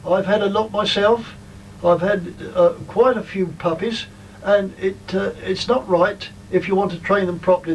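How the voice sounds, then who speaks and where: A man's voice: high-pitched, darkish tone. Older man, distant outdoor recording. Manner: rambling, plain-spoken, explanatory. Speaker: sheepdog trainer. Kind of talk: informal instructional commentary and advice. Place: outdoors in a field. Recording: distant mic, outdoor ambient noise.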